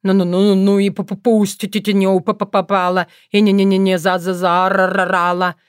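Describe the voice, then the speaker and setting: A woman's voice: mid-range voice, little pitch movement, moderate pace, clear, resonant tone, no room sound, lightly acted. Stammery stubborn young fox guy, a lady doing the voice, trips over every sound, dry close sound. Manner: heavy stutter, repeating syllables. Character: stuttering young male fox, stubborn grandson. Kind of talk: audiobook character voice.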